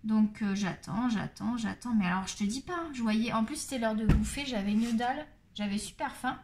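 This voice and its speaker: High-voiced chatty middle-aged woman. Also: normal speed, background noise. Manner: rambling and candid, with many fillers. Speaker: coloring channel host. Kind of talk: casual chat while coloring.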